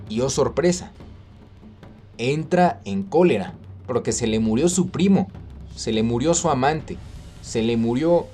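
A man retelling an ancient epic in casual, slangy, lively narration. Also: medium pitch. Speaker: storyteller.

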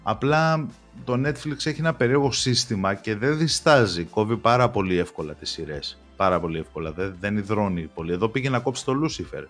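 A young man chats casually as a podcast co-host, wandering through his points with many restarts. His voice sits on the low side, and faint music plays behind him. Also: expressive, a bit bright. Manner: rambling, many restarts and fillers. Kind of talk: casual chat about TV series.

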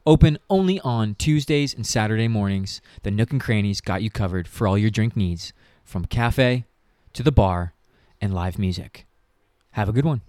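A man's voice: fairly low pitch, normal speed, a little mellow, no room sound, clean studio sound. A man announcing a scripted, comic fake sponsor read for a podcast. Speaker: mock ad announcer.

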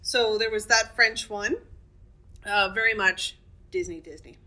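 Bright-voiced woman chatting casually. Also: mid-range voice, unhurried. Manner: chatty, blunt opinions, laughs often. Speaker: podcast co-host. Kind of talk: casual chat about fairy tale history.

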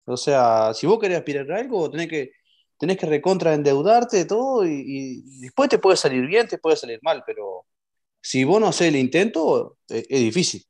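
A man with a Uruguayan accent, calmly arguing a football point on a casual podcast, repeating phrases as he explains. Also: a little high, normal speed. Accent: Uruguayan Spanish. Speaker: podcast panelist. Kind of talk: football analysis chat.

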